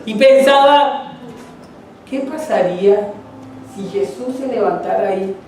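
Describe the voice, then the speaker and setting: A man's voice: sits high, unhurried, darkish tone, slight background noise. Colombian man preaching in an echoey hall. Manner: conversational, asks the congregation questions. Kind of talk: sermon. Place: church hall. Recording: echoey hall, distant mic.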